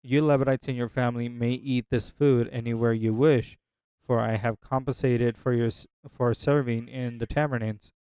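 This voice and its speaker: A man's voice: mid-range voice, steady tone, warm tone, clear, resonant tone, dry recording, low-quality recording. A man reading a Bible passage aloud in a casual way, stumbling over hard words and restarting lines. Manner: unsure of hard names, pauses to check pronunciation. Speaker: scripture reader.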